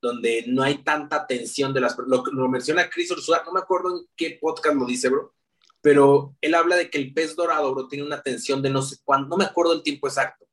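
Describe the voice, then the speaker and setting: A young man with a Mexican Spanish accent, a podcast guest telling stories in a slangy, animated way. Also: mid-range voice, brisk, distant mic. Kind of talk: casual interview chat.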